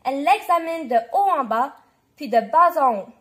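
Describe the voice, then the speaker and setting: A woman reading a children's bedtime story aloud, lively and clear, doing voices for the characters. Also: high-pitched, normal speed. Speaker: storybook reader.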